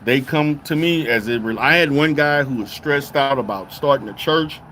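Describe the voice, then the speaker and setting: A man's voice: mid-range voice, moderate pace, bright, forceful tone, slight background noise. Louisiana-raised man, emphatic with many restarts. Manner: repetitive restarts, emphatic "okay?" check-ins. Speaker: therapist. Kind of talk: casual commentary to viewers.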